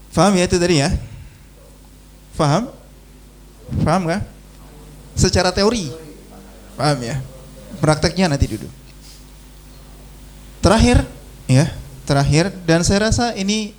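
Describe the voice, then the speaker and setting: A man teaching Quran recitation in a mosque class, drilling syllables slowly and reciting aloud. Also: fairly high pitch, a little mellow. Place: mosque by a busy road. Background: faint traffic hum.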